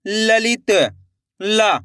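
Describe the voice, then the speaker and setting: A man teaching spelling slowly and patiently, asking the viewer questions, repeating each word and dropping low as he finishes it. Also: flat delivery, bright, forceful tone, clear, resonant tone, dry recording. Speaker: Hindi writing teacher. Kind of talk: slow, patient spelling lesson.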